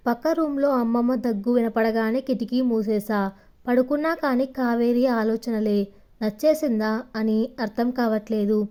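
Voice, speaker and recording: Soft-voiced woman narrating a story. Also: on the high side, fairly even intonation, normal speed. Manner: reads a first-person story, voicing the dialogue lightly.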